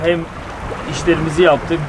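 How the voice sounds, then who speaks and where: A man's voice: on the high side, normal speed. A middle-aged man on a sailboat at sea, chatting easily about the trip so far. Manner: relaxed, chatty, with easy laughs. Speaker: sailor recounting the voyage. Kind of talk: casual travel narration. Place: on a sailboat deck at sea, outdoors. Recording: wind and wave noise at sea.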